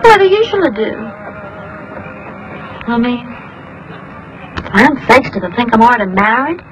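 A coquettish belle, high voice, music under it. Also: female voice, sing-song, moderate pace, poor audio. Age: young adult. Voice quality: coquettish, teasing. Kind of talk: film drama acting.

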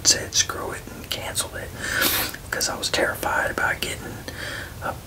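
A person whispering a casual ASMR ramble, halting and frank, with folksy turns of phrase. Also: far from the mic, poor audio. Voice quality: unvoiced, breathy whisper with creaky edges. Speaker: ASMR video creator.

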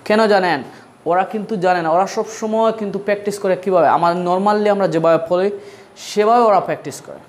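A man with a Bengali accent teaching a casual spoken-English lesson, often asking "okay?" and calling listeners "brother", drawing out example words slowly. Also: high-pitched. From Bangladesh.

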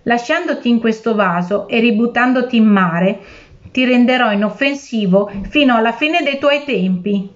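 A woman's voice: a little high, moderate pace, lo-fi sound, lightly acted. A woman voicing a desperate, clever fisherman. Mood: defiant. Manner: pleading, then shrewd and defiant.

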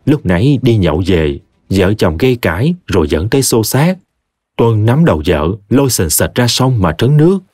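A man's voice: fairly low pitch, moderate pace, slightly rough, dry recording, clean studio sound. A man, expressively narrating a scripted horror story. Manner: expressive, vivid.

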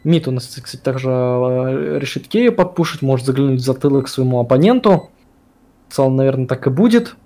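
A man's voice: mid-range voice, animated, fairly quick, mellow. A man giving casual, analytical esports commentary, hesitant as he searches for words. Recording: faint noise, clicks, game sounds.

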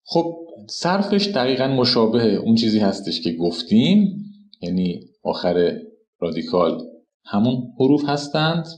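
A man teaching a recorded lesson at a whiteboard. He explains each point and spells out conjugations slowly, one form at a time. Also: mid-range voice, sing-song, echoey room. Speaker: French teacher.

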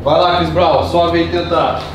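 High-pitched Brazilian man in an echoey room. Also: fairly even intonation, moderate pace, noisy background. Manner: informal, slangy. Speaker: challenge host. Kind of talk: casual vlog chat with friends. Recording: echoey room, music behind. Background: background music.

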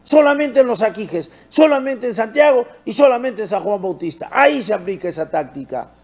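Brief: high-pitched Peruvian male opinion host, indignant, fond of rhetorical questions. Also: vocal fry, a little mellow. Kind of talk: political commentary.

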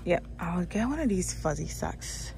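A woman's voice: fairly low pitch, sing-song, moderate pace, darkish tone, a little hiss or hum. A woman vlogging as she shops in a store aisle, chatting casually and thinking aloud, often repeating herself, recorded on a handheld phone. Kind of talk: casual shopping vlog narration. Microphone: handheld phone camera.

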